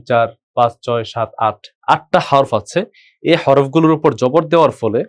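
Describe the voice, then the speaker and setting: A man leads an online Quran reading lesson in a mid-range voice. He stretches each Arabic letter sound out slowly as he drills it. He keeps checking in with his students by asking them questions. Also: mid-range voice. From Bangladesh. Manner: slow drawn-out letter drills, asks the class questions. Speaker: Quran teacher.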